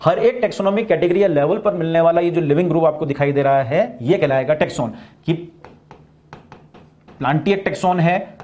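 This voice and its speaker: An Indian man giving a recorded biology lesson in a slightly high voice. He explains each point at a steady clip, then slows right down to restate the key terms in careful English. His delivery is patient and methodical, like a teacher going over material for exam students. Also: muffled recording. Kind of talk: recorded classroom lecture.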